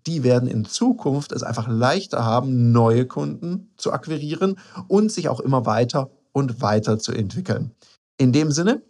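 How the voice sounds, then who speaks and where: A man hosting a solo business podcast, addressing the listener directly in a relaxed, informal way. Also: mid-range voice. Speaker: podcast host and sales trainer.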